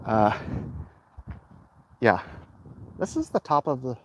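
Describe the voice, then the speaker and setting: A sing-song, mid-range male voice takes things slowly as he walks outside streaming to viewers on his phone. The host, a comic artist, rambles emphatically in a casual way, with a noisy outdoor recording behind him.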